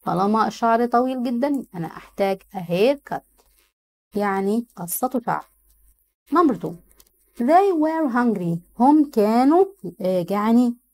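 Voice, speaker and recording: A woman with an Egyptian Arabic accent, an English teacher going through exam answers. She reads the English options out slowly, then explains them in Arabic. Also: on the high side, animated, darkish tone.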